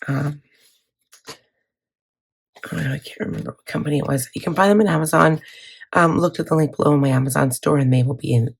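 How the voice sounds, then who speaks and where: Her voice is low and husky with vocal fry and a scratchy quality. This woman, a planner vlogger, talks to her channel in relaxed, chatty fashion, leaning on fillers and frequently correcting herself mid-sentence.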